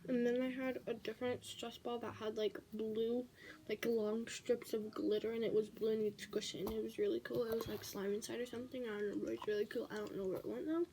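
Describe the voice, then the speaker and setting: A woman's voice: fairly high pitch, little pitch movement, a little fast, warm tone, slight background noise. A woman showing off her toys in a casual, rambling vlog, talking with candy in her mouth and full of filler words. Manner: chatty, rambling, many "like" fillers. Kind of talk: casual show-and-tell vlog.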